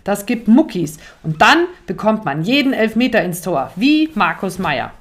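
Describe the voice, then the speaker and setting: A woman voicing a football-mad five-year-old boy who shouts eagerly. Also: sing-song, normal speed, lightly acted. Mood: excited. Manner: shouting eagerly, high and loud.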